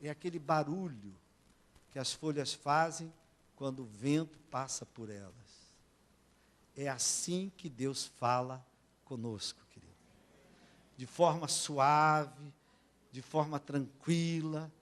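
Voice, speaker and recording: A male pastor from Brazil preaching a sermon in a church. He keeps asking the congregation for amens and swings between soft and loud. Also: on the high side, slow pace, long pauses.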